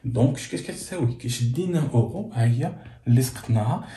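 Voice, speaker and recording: Moroccan guy teaching at the board, asks stuff then answers it, dark voice, echoey classroom. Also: medium pitch, expressive, fast. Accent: Moroccan Arabic. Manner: asks and answers his own questions, coaxing students to follow. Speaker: physics teacher. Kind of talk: blackboard lesson. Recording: echoey room.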